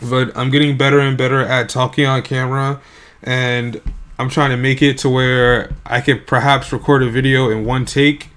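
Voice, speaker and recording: A man's voice: medium pitch, level tone, normal speed, a bit bright, clean tone. A young man live-streaming his game development at night, sleepy, his voice a little worn, rambling and hesitant with many fillers. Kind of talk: casual live-stream talk.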